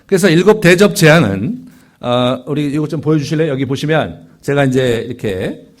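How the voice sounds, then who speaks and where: Male pastor, sermon lecture, animated delivery, slightly high voice with wide swings. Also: moderate pace. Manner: animated, rising and falling sharply in pitch and loudness, rhetorical "예?" asides.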